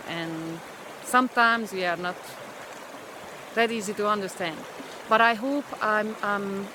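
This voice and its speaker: With rushing river water in the background, a Hungarian-accented vlogger addresses the camera in hesitant, non-native English at a medium pitch. Pauses and fillers crowd her speech, recorded outdoors on a camera or phone held at arm's length.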